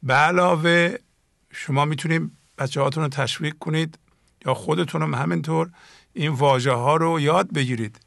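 A man hosting a call-in program who teaches and warmly encourages his callers. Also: on the high side, creaky, no room sound, studio quality. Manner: encouraging, praises callers often. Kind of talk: teaching talk and phone call-in.

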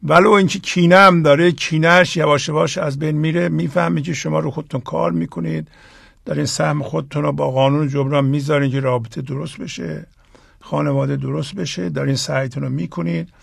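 A man hosting the show, speaking to listeners in a slow, deliberate way and stressing key phrases. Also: a little high, steady tone, creaky, fairly bright tone, husky, dry recording, clean studio sound. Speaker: host. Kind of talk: reflective talk to listeners.

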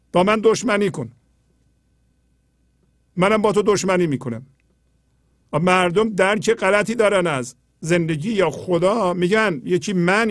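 A man hosting a spiritual talk, explaining poetry earnestly and often dropping to a low, quiet tone. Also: no room sound, clean studio sound.

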